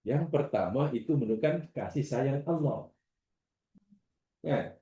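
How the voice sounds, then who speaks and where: A man with a Malaysian Malay accent teaching a religious class, lively, acting out examples and questioning his students. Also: medium pitch, unhurried. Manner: questions the class and repeats their answers. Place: classroom or prayer hall. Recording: roomy echo, distant mic.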